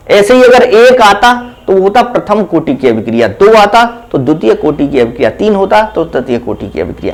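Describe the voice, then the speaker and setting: A man teaches a chemistry exam lesson in a fairly high voice. He talks slowly and steadily, repeating terms and asking the class questions that he answers right away. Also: low-quality recording. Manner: slow, repetitive, asks rhetorical questions then answers them. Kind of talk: exam-prep lesson explaining at a board.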